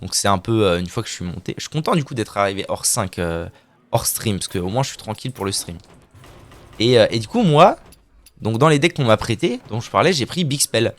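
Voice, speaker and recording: A man's voice: fairly low pitch, lively intonation, brisk. A man streaming a card game live, narrating his plays with playful, crude trash talk and silly mouth sound effects. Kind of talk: live gameplay commentary.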